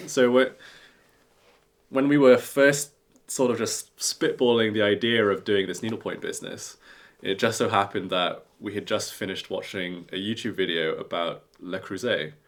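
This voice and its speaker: A man's voice: fairly low pitch, steady tone, normal speed. A man co-hosting a podcast in a casual, chatty style. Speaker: podcast co-host and co-founder of a craft business.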